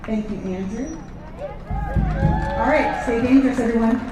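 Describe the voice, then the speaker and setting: A woman's voice: sits high, wildly swooping pitch, takes it slowly, over loud music. A woman hosting a rally, making informal announcements and thanks in an effusive, encouraging way. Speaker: rally host. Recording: echoey, distant mic, noisy outdoor crowd.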